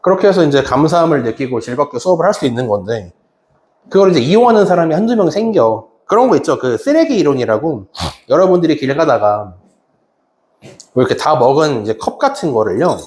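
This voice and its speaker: A male academy teacher telling a classroom story, acting out his scolding with sudden loud shouts. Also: on the high side, a little fast. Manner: animated, wide-ranging delivery. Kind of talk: storytelling anecdote in a class talk. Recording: roomy echo.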